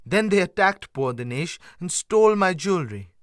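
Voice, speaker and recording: A man playing an upset shop owner in a textbook audio drama. He speaks high and hurried, with an agitated edge. The recording is dry and close. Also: animated, smooth, no room sound. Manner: agitated, rushed.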